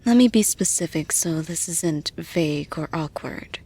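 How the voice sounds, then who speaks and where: In an intimate audio roleplay, a woman plays a caring female boss, speaking very slowly in a low, breathy voice. Her gentle, reassuring tone settles into a motherly hush that often drops to a whisper, all heavily acted in an unhurried ASMR-style monologue.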